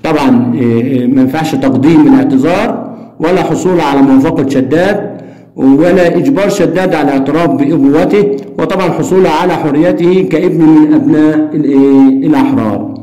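A man with an Egyptian accent, teaching Arabic. He reads a textbook passage aloud, then works through the answer choices with drawn-out "aah" fillers. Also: a little high, mellow. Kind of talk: reading a textbook aloud and explaining exam answers. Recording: echoey room.

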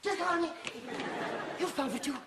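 Brief: a jittery sitcom daughter, very high voice, hiss behind. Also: female voice, normal speed, over a noisy crowd. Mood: flustered. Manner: flustered, fretful. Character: flustered, anxious young woman. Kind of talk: sitcom acting.

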